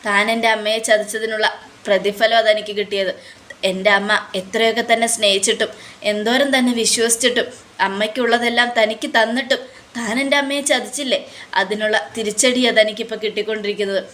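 A woman's voice: medium pitch, steady tone, a little fast, a bit bright, natural voice. Woman narrating a sarcastic vengeful young man. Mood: accusing. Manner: mocking, accusing.

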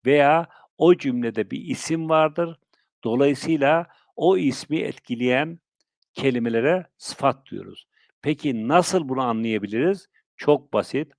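A male teacher with a Turkish accent giving a live-streamed vocabulary lesson, repeating and drilling phrases slowly for his viewers. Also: mid-range voice, expressive, darkish tone, no echo, clean studio sound. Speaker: English teacher.

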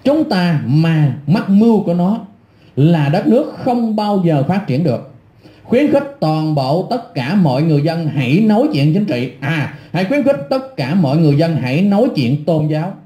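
A man's voice: fairly high pitch, very animated, normal speed, dark tone, echoey room. A middle-aged man delivering an angry, scornful rant full of insults and repetition. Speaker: online commentator. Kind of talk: angry ranting monologue.

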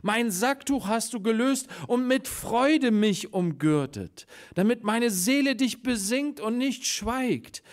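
A man preaching a Sunday sermon in a church, swinging between loud exclamations and hushed, quiet passages, and acting out the voices of the story he tells. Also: very high voice, lively intonation, slow, hardly any pauses. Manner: acts out quoted voices in the story.

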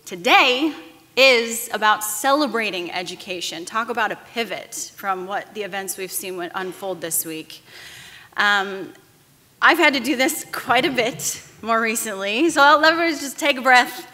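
A woman in her thirties giving a commencement address from a podium, candid and halting, with restarts and fillers. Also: fairly high pitch, sharp tone. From Texas-Mexico border region. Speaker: commencement speaker, news anchor. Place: large auditorium stage. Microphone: podium microphones. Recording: long hall reverb.

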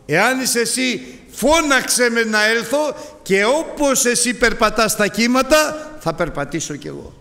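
A man's voice: lowish voice, long pauses, mellow, close to an everyday voice. A man preaching voices the apostle Peter, a bold fisherman stepping onto the waves, calling out in raised, pleading tones.

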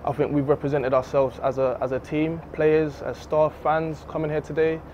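A young man, a footballer giving a relaxed, candid post-match interview into a handheld mic in an empty stadium. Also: fairly high pitch, normal speed. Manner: relaxed, candid, laughs easily. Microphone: handheld reporter mic. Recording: slightly dull outdoor audio with faint noise.

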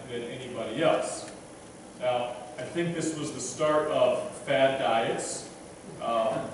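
Here a preacher in his thirties, medium in pitch, delivers a chatty, self-deprecating sermon, frequently restarting, using fillers and stumbling now and then. The echoey church audio, captured via the pulpit mic by a far-off camera, has a noisy background.

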